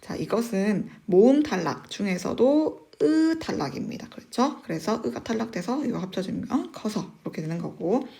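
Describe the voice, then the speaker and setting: A woman teacher explaining exam questions in an online lesson, patient and methodical, often pausing on "eo" and asking the class rhetorical questions. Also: medium pitch, big pitch swings, creaky, mellow. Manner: patient, step-by-step explaining with frequent "eo" fillers.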